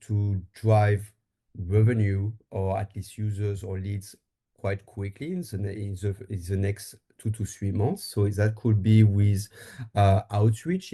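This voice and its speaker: A man from France, a marketing agency co-founder, answering interview questions in a relaxed way with frequent fillers and restarts. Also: fairly low pitch. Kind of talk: casual interview talk. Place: Taiwan.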